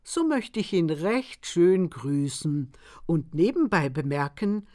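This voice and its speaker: A woman narrating a humorous story in a measured storytelling manner. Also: fairly low pitch, very animated, mellow. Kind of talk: scripted narration.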